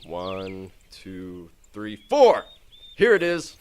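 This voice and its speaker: A man's voice: sits low, huge pitch swings, very slow, smooth. A man acting in an amateur comedy audio drama, indignant and exasperated.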